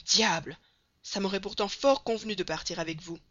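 A woman voicing a resourceful young male French manservant in a storybook reading, wry and lively, on a slightly dull, dry recording. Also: medium pitch, a little fast, no room sound, close to an everyday voice.

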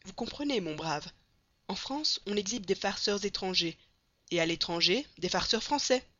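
A woman doing a booming, blunt American showman. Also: expressive, moderate pace, bright, forceful tone, dry recording. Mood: boisterous. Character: brash loud middle-aged male American showman. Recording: slightly dull, dry recording.

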